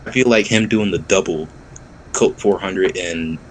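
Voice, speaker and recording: A young man co-hosting a casual chat, excitable and quick to laugh, swearing freely and slipping into mock voices. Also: deep voice, a little hiss or hum. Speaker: podcast co-host.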